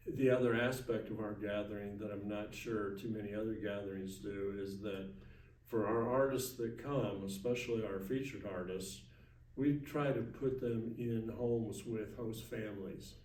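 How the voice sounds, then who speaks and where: A man speaking casually as an organizer being interviewed, halting and repeating words as he goes. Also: on the low side, darkish tone. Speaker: gathering organizer, interview guest. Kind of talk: casual informal interview talk. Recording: roomy, distant mic, faint noise.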